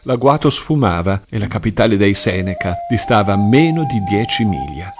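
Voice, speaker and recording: A man reading a dramatic audiobook in an expressive, tense storytelling manner. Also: on the low side, normal speed. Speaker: narrator. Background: music.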